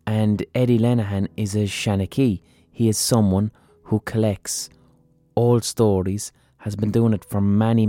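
A man's voice: on the low side, mellow, dry recording. An Irish man hosting a podcast, talking casually and earnestly with some swearing. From Ireland. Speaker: podcast host. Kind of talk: casual spoken podcast introduction and interview.

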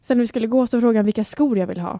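Young woman podcast co-host, slightly high voice, dry close sound, self-mocking storyteller. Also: dark tone, no echo. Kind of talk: casual chat.

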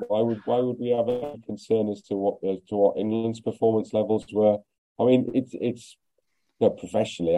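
A middle-aged man from Wales giving measured, wry football opinions on a podcast. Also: lowish voice, warm tone. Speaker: football pundit guest. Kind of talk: podcast discussion. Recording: slightly muffled audio.

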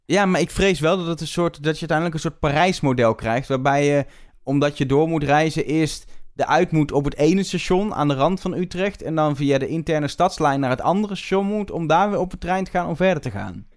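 A man's voice: on the high side, a little fast. A man hosting a podcast, chatting casually and musing about ideas. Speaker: podcast host.

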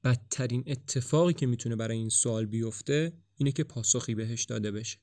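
Calm, mysterious doctor in a storybook reading, voiced by a man; gentle and thoughtful. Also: medium pitch, dry recording, studio quality, natural voice. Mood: calm, reflective. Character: calm, mysterious doctor who sees off the dying. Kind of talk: audiobook dialogue reading.

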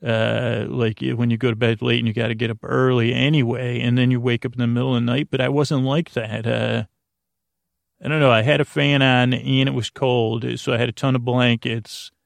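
A man hosts a sleep podcast, rambling and halting through a monologue as he trails off and cuts himself short with whimsical, self-deprecating jokes. His gravelly voice sits at a medium pitch with a level tone, and the recording is dry.

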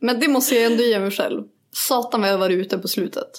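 A young woman co-hosting a podcast in casual chat, telling a story in an animated way and acting out bits of dialogue, with casual swearing. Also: a little high. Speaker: podcast co-host.

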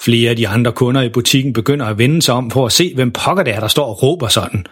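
A man narrating a children's story in a lively, expressive way. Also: mid-range voice, slightly rough.

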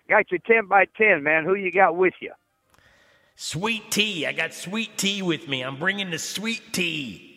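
A male caller answering a mock trucker CB radio call in relaxed CB lingo. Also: high-pitched, in a large hall. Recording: tinny phone line.

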